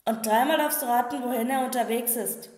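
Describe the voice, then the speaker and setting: A woman voicing a hurried, worried young man in an audiobook, talking in a rushed, distracted way. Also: on the high side, darkish tone, lightly acted. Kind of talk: audiobook reading. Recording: echoey room with long reverb.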